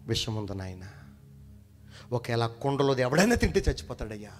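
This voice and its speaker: A man with a Telugu accent preaching a sermon, pushing his congregation to answer back loudly and swinging from shouted lines to quiet ones. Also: medium pitch, very animated, a little fast, faint music behind. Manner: emphatic call-and-response preaching, urging the congregation to answer loudly. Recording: long hall reverb.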